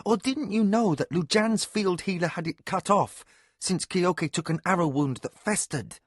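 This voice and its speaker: A man voicing a noble ruling lady, commanding even in grief. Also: high-pitched, normal speed, no room sound, studio quality, pitched above the performer's own voice. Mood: firm. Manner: imperious.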